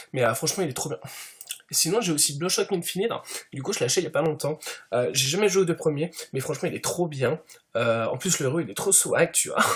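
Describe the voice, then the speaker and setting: Smug, filler-heavy young-sounding man. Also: a little high. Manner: smug show-off persona, heavy fillers, constant "tu vois". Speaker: YouTuber. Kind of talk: comedic parody monologue.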